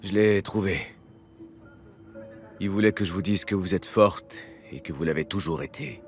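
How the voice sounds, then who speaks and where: Low-voiced, laconic streetwise techie. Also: male voice, moderate pace, soft background music. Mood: sober. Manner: casual, matter-of-fact. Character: laconic adult male streetwise techie mercenary, skeptical but loyal. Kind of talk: video game acting in French.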